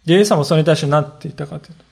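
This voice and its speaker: Gravelly man preaching a sermon. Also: on the high side, rapid-fire. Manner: earnest, animated storytelling with acted quotes. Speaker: pastor.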